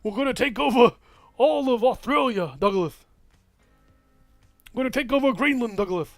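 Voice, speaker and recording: A man's voice: extremely high pitch, expressive, moderate pace, no echo, faint music behind, voice pushed up. A man doing a pompous cartoon neighbor. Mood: grandiose. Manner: grand, rambling, repeating a name. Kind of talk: cartoon voice impression.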